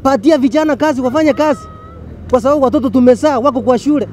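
A man's voice: very high-pitched, very fast, a little mellow, a faint crowd, slight background noise. A middle-aged man with a Kenyan accent, gesturing and arguing insistently in an outdoor street interview with a handheld mic. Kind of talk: vox pop street interview. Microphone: handheld furry mic.

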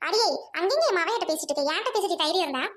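A woman with a Trichy Tamil accent acting a shrill, nagging village mother-in-law in a comedy skit. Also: animated, racing, a bit bright. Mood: scolding.

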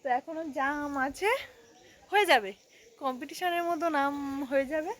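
Young female vlogger, high and bright, lively and chatty, talking to viewers outdoors on a rooftop. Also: normal speed. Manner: lively, addresses viewers as friends.

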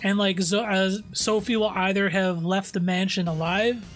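A man's voice: high voice, fairly even intonation, normal speed, a bit bright, faint music behind. Joking, swearing man streaming a game. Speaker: streamer host. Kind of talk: casual co-op gameplay commentary.

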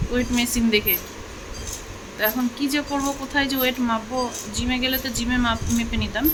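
Woman in her thirties, chatty home vlog, slightly high voice, phone mic, constant background hum. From Bengal. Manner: chatty, talks while doing housework. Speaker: vlogger. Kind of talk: casual home vlog chat. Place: home, indoors.

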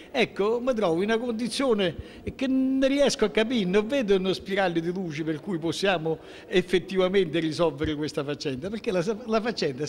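An impromptu hallway interview inside a public building features a local political figure in his sixties, a handheld mic held toward him. He speaks with a southern Lazio, central-southern Italian accent in a high-sitting voice, and the recording has a big-room sound. Grievance drives his emphatic delivery, which halts and restarts with repeated rhetorical questions.

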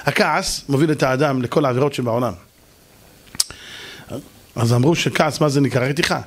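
Animated rabbi giving a sermon. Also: male voice, medium pitch. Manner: animated, mimics shouting and soft calm voices for effect; asks the audience questions and answers them himself. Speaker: rabbi giving a Torah lesson. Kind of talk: lively sermon to a live audience.

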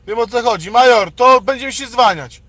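A man's voice: very high voice, fairly quick, pushed and bright. A man filming and chatting, teasing people with probing questions.

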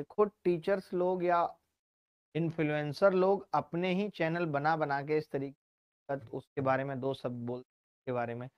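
A man who teaches maths, talking to students in a live online class in a loud, scolding, preachy way. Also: a little high, clear, resonant tone, highs cut off. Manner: speaks loudly to be heard.

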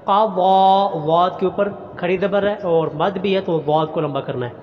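High-voiced male Quran teacher chanting slowly. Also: long reverb tail, dull audio, a little hiss or hum. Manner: slowly chants each verse, then explains rules briskly. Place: online class recording.

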